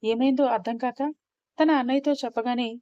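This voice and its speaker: A woman telling a dramatic story in a steady, expressive storytelling voice. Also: fairly high pitch, fairly quick, no room sound. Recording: slightly dull, muffled recording.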